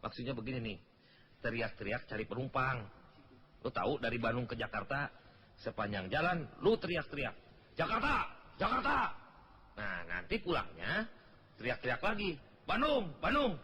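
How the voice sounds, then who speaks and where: A man's voice: mid-range voice, expressive, moderate pace, sharp tone, slight background noise. A Sundanese man performing a comedy sketch, scolding his partner with exasperation and laughter.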